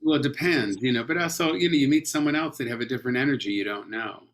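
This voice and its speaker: A man's voice: medium pitch, quick pace, fairly bright tone. A man from Los Angeles, an actor guest in a casual interview, telling rambling, anecdotal stories full of tangents. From Los Angeles, California.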